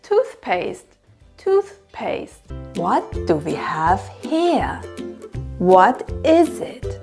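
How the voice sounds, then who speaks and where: A woman speaks in the manner of someone reading to a toddler, with a very animated, swooping pitch. She goes extremely slowly, repeating words in a sing-song, encouraging way so small children can copy her. Faint music plays behind her voice. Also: gravelly. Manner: exaggerated, encouraging questions. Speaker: presenter of a toddler learning show.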